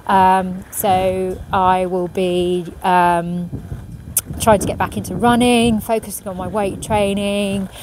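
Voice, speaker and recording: With a medium-pitched, level voice, a middle-aged professional sailor speaks slowly and thoughtfully, with frequent ums, answering viewers' questions. A phone held at medium distance films her outdoors on a marina pontoon by a racing yacht. The audio is poor, with marina ambience and passing vehicles clearly audible.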